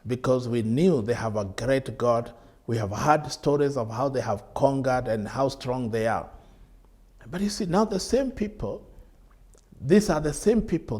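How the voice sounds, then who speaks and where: A middle-aged bishop from Kenya delivers a sermon for television from behind a studio desk, stretching words out for emphasis and asking earnest rhetorical questions. His voice is mid-range and mellow.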